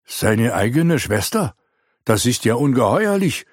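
A man's voice: medium pitch, expressive, measured pace, breathy edge, no echo, studio quality, voice pushed up. A man voicing a strict, devout young knight who speaks earnestly. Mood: shocked. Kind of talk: audiobook character reading.

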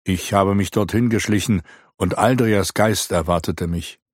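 A man voicing a resolute knight hero, speaking calmly and explaining. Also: deep voice, a little slow, slightly rough, no echo, studio quality. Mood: earnest. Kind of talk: audiobook character reading.

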